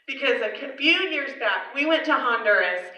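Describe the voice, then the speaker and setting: A woman's voice: sits high, animated, normal speed, sharp tone. A woman pastor telling a personal story in a sermon at a women's conference, chatty and often laughing. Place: conference hall. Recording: echoey hall mic from far off.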